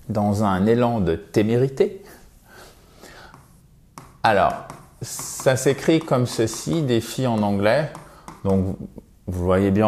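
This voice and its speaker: A man's voice: mid-range voice, a little mellow. A man giving a casual video lesson on English pronunciation, explaining step by step and checking in with "ok?" as he goes. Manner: chatty, explains step by step with frequent "ok?" and "d'accord?"; models English sounds by repeating them. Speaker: English teacher.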